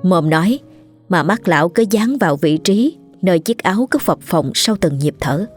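A woman narrating a ghost story in a steady, measured reading voice. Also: on the low side, breathy edge. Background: soft background music.

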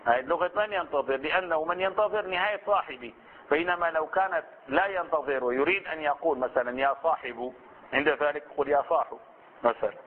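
A male scholar teaching a recorded lesson on grammar and inheritance law. He asks himself questions, answers them, drifts into colloquial asides and draws out example words slowly. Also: on the high side. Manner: explains patiently, asks and answers his own questions; slips into colloquial Levantine Arabic asides. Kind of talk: recorded study-circle lesson. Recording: tinny phone-like band with faint hiss.

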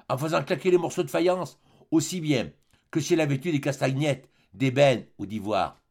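A man's voice: medium pitch, vocal fry. A man reading a classic novel aloud as a volunteer audiobook narrator, telling it expressively. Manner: expressive storytelling. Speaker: audiobook reader. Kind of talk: scripted narration.

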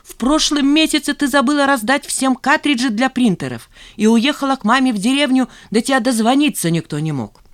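A woman voicing a sharp-tongued, indignant office woman who scolds her coworkers. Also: medium pitch, animated, normal speed, lightly acted. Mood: scolding indignant. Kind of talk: audiobook character voice.

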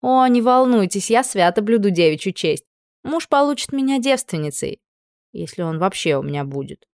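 An emotional young lady-in-waiting, impudent one moment and pleading the next, as a woman reads her in an audiobook. Her voice sits high and bright above the narration and spills out in breathless bursts. The recording is dry and close. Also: expressive, moderate pace, dry recording, close to an everyday voice. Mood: mocking.

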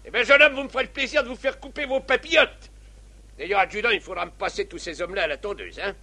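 A man's voice: high-pitched, fast talker, sharp tone, full character voice. A man playing a strict, pompous army captain in a stage farce, sarcastic and barking commands like a drill sergeant. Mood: scornful. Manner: drill sergeant bark, clipped commands, mock politeness. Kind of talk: theatrical stage farce acting.

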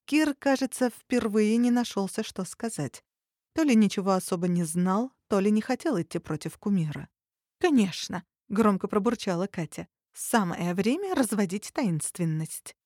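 A woman narrating an audiobook in a measured, even reading. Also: mid-range voice, no echo, studio quality.

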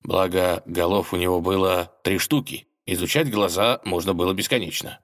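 A man narrating a fairy tale in a playful, expressive reading style. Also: low-pitched, moderate pace. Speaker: storyteller.

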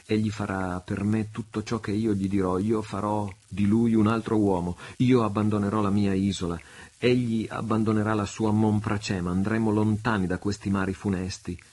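A man's voice: fairly low pitch, steady tone, normal speed, darkish tone, pitched above the performer's own voice, natural voice. A man voicing a passionate, anxious young English noblewoman in an audiobook reading, speaking with fervent and rising intensity. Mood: passionate vow.

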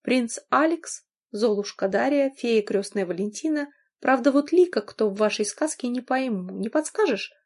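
A woman's voice: on the high side, expressive, normal speed, few pauses. A woman reading an audiobook, voicing a spiteful scorned mistress who taunts and sneers. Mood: taunting.

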